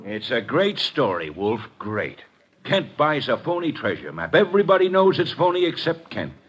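An actor playing a gruff, skeptical police inspector, blunt and sarcastic, with a husky voice in a 1950s radio drama. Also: male voice, mid-range voice, very animated, moderate pace, a bit bright. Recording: muffled vintage 1950 radio recording.

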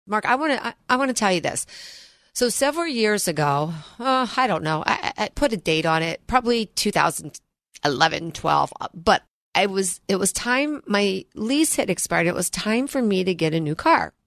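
A woman's voice: mid-range voice, lively intonation, moderate pace, fairly bright tone, no room sound, studio quality. A woman financial advisor hosting a radio talk show, telling stories in an earnest, chatty way. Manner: earnest, storytelling, repeats words on restarts.

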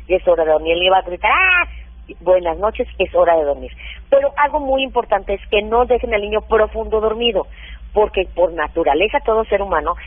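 Heard over a dry, phone-like narrow band with no room sound, a medium-pitched woman speaks as a parenting expert on a radio interview. She gives practical tips, walking through them step by step and illustrating with examples.

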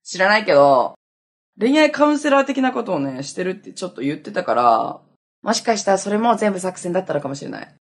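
A woman's voice: mid-range voice, big pitch swings, fast. A young woman in her twenties hosting a casual solo podcast, chatty and self-mocking, laughing often as she talks. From Okinawa, Japan. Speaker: podcast host.

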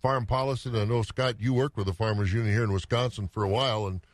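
A man's voice: fairly low pitch, steady tone, fast talker, dry recording, clean studio sound. A man hosting farm radio, chatting casually in a folksy way. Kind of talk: casual on-air chat.

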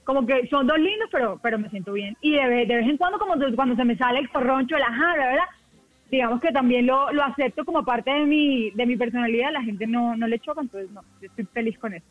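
A woman with a softened Colombian coastal accent chats quickly and easily as a guest on a radio show. Her voice comes through a tinny phone line with no room sound around it. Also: fairly high pitch, no room sound. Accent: Colombian coastal Spanish, softened. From Colombian Caribbean coast. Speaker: TV news presenter, guest. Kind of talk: casual radio chat.

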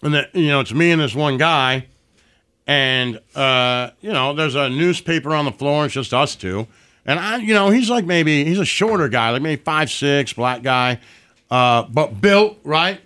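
A man with a bright, forceful voice, a little higher than most, tells stories in loose, foul-mouthed chat. He acts out the voices of the people in his stories as he goes. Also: a little slow, clear, resonant tone. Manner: profane, animated storytelling with acted quotes. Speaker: podcast guest. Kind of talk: casual storytelling chat.

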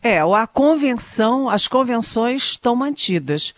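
A woman's voice: a little high, lively intonation, unhurried, no room sound. A woman giving ironic, emphatic political commentary on a radio talk show, often repeating herself with fillers.

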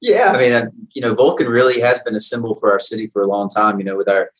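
A man answering interview questions haltingly, with many fillers. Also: lowish voice, a bit bright, rough recording. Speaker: guest, games organizer.

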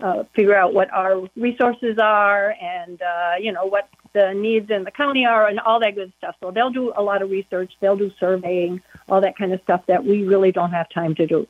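This is a woman on a county board, chatting casually in a phone-in interview and sprinkling in many "you know" fillers. Her mid-range voice keeps a fairly even intonation at normal speed with hardly any pauses; the recording is dry, yet the line sounds muffled, like hearing her through a wall.

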